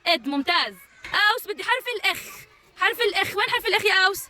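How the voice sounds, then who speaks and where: Brief: young woman, preschool teacher, very high and bright voice, energetic and encouraging with the kids. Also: racing, a little hiss or hum. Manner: energetic, encouraging, calling out to children. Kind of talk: leading a children's letter game.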